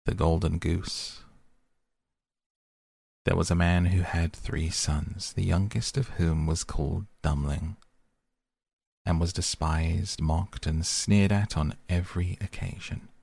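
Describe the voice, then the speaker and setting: A man gently reading fairy tales aloud as a calm bedtime story. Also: low-pitched, takes it slowly, creaky, husky, dry recording.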